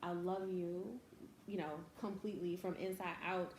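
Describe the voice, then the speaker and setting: A woman's voice: lowish voice, level tone, moderate pace, a little mellow. A woman host and mother talking in a heartfelt, emotional way, often laughing. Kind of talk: emotional casual talk. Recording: echoey room, faint noise.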